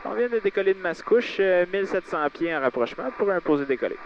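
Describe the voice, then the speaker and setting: Quebec pilot crackling over the radio. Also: male voice, high voice, expressive, creaky. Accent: Quebec French. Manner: halting, with many filler pauses. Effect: pilot's voice over the aircraft radio. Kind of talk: aviation radio calls. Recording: muffled radio with engine noise.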